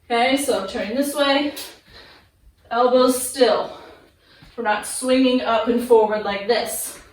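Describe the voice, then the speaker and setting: A woman's voice: a little high, slow pace, slight background noise. A woman leading a workout class in fitness influencer style, giving instructional, encouraging cues and counts. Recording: echoey room, distant microphone.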